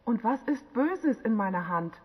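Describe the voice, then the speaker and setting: Earnest pleading young male warrior, read by a woman, slightly raised pitch, husky, muffled lo-fi audio. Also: very animated, unhurried, full character voice. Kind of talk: audiobook dialogue reading. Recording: dull lo-fi with long reverb.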